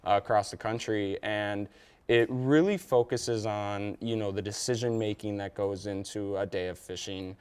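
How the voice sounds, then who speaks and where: A man's voice: fairly low pitch, steady tone, normal speed, clear, resonant tone. A young man from Wisconsin, a competitive angler, talking casually as a TV guest with many fillers and restarts. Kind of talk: casual interview.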